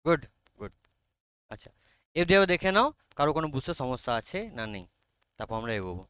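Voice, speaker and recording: A man with a Bengali accent teaches an online class, explaining an English text line by line in a medium-pitched, sing-song voice that is fairly bright and clean, with no room sound. He is coaxing, keeps checking that students understand, and reads the English lines very slowly.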